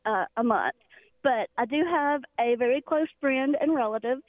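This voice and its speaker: A woman's voice: sits high, normal speed, no echo. A woman calling a radio show, chatting casually on the phone while she works. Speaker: radio show caller, mail carrier at work. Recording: thin, narrow phone line.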